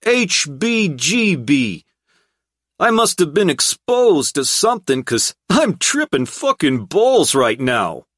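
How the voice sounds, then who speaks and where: A cocky, contemptuous mob lawyer, put on by a male narrator, barking his lines high and loud. His voice jumps around with scorn, and the recording is dry and close. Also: very animated, slow, dry recording, heavily acted. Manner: loud, sneering, dismissive.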